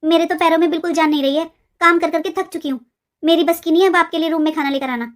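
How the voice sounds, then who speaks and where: A woman's voice: very high voice, fairly even intonation, fast talker. A woman voicing a nagging younger sister-in-law in a cartoon, a resentful young wife who complains sharply and sulks. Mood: whiny. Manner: sharp, sulky, grumbling. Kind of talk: cartoon voice acting.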